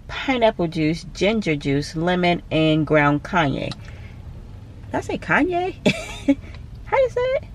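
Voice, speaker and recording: A woman's voice: on the low side, a little hiss or hum. Chatty tired young woman in a car. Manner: chatty, tired and cranky, with laughs. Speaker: vlogger. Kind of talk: casual vlog chat. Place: parked car. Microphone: handheld camera close by.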